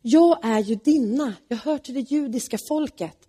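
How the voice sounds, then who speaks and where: A woman voicing an earnest young queen pleading in a retold story, in a husky, fairly high voice. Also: dark tone.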